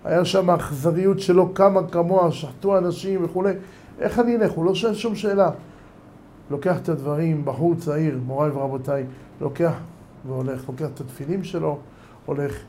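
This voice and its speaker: A man's voice: fairly high pitch, steady tone, dark tone, a little hiss or hum. A man preaching, telling a dramatic story to his listeners and addressing them formally. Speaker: religious preacher. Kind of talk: sermon storytelling.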